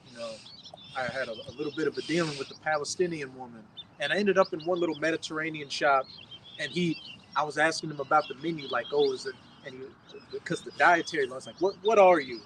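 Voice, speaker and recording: A man's voice: fairly high pitch, a bit bright, slight background noise, rough recording. Man reading scripture at a street camp. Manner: casual storytelling between slow verse readings. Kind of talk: street preaching.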